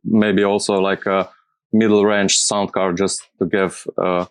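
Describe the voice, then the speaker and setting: Deep-voiced man, non-native English, even tone. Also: a little slow, clear, resonant tone, dry recording. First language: not English. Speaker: music producer being interviewed. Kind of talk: casual interview answers.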